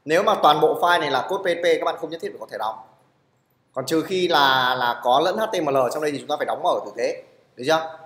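A man teaches a live programming class in a classroom, speaking fast in a slightly high, somewhat bright voice with a roomy sound. He keeps asking "được chưa?" to check in on his students again and again.

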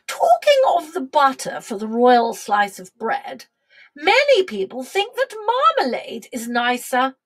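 A woman voicing a genteel, gently persuasive queen in a children's verse story, polite and coaxing. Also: high-pitched, huge pitch swings, unhurried, full character voice.

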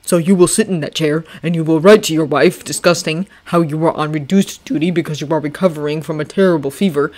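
A woman's voice: low-pitched, fast talker, hardly any pauses, a little mellow. A woman voicing a stern older male general who gives firm, clipped orders.

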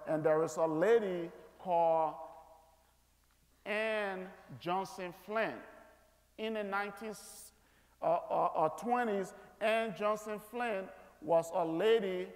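In an echoing indoor auditorium, a guest speaker in his thirties preaches slowly to a school chapel from the large stage, his voice high. The long reverb of the hall carries through the recording.

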